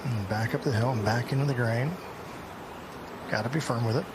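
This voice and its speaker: A man analyses golf live on commentary. His voice is medium in pitch, with clear outdoor ambience underneath. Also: fairly quick, background noise.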